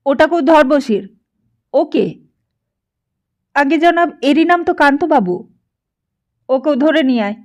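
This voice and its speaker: A woman reading an audiobook, voicing a commanding male official who shouts orders to his men. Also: high-pitched, expressive, measured pace, pauses often, voice pushed up. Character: adult man, commanding official, barking orders.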